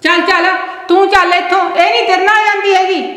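A woman's voice: very high-pitched, fairly even intonation, brisk, fairly bright tone. Woman acting older village mom, blunt and scolding, super echoey room. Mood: stern, scolding. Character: stern older village mother, unforgiving and scolding. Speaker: mother-in-law in a village drama. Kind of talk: village family drama acting. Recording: echoey room with long reverb.

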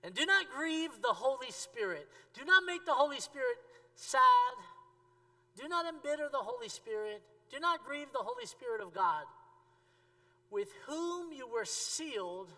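Animated, bright-voiced male pastor. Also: very high voice, a little slow. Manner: animated, rising to emphatic peaks and dropping to quiet asides; conversational, addresses the congregation directly. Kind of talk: sermon. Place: church stage with a seated audience. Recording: long reverb of a church hall.

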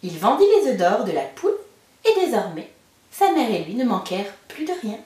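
A woman teacher reading a storybook aloud to children with lively, expressive narration. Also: on the high side, moderate pace. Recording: roomy, mic far off.

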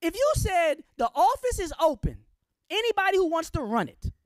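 Fiery woman lecturer, high and lively. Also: moderate pace, dry recording, clean studio sound. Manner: fiery, preachy, full of rhetorical questions; blunt, colloquial. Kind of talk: impassioned public lecture.

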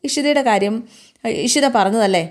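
A woman's voice: a little high, normal speed, lightly acted. Worried grandmother, read by a woman, coaxing, reassuring, storytelling retelling. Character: worried grandmother soothing a child.

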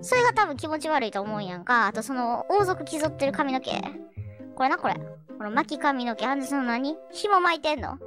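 A woman's voice: high voice, sing-song, fairly quick. A woman with a Kansai accent commentating a game, chatty and teasing, talking to the characters on screen. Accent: Kansai Japanese. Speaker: game streamer. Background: loud game music.

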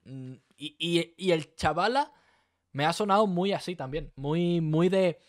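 A man's voice: fairly high pitch, measured pace, no echo, clean studio sound. A young man from Spain with a Spanish accent, chatting casually as he reacts to a song, easygoing and full of restarts. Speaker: music reaction host.

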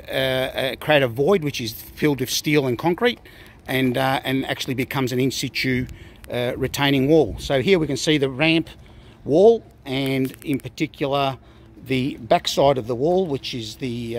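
A middle-aged Australian man giving a casual, halting walkthrough of an outdoor building site, filled with ums and uhs. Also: mid-range voice. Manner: plain-spoken, many ums and uhs, halting restarts. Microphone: handheld phone camera.

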